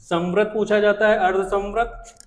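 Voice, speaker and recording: High-voiced teacher in an echoey classroom. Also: male voice, flat delivery, unhurried. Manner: demonstrates sounds aloud, checks if students follow. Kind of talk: classroom lecture.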